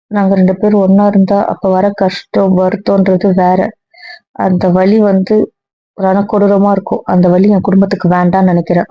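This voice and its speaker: A woman's voice: medium pitch, lo-fi sound, close to an everyday voice. A woman voicing a remorseful young woman who pleads and defends herself in an amateur audio drama. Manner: pleading, guilt-ridden.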